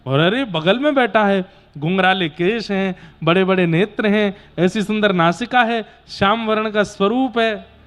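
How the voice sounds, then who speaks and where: Addressing a gathering, a man preaches a sermon as a katha preacher, unhurriedly recounting devotional stories and bursting into devotional song at times. His voice is high-pitched and fairly bright.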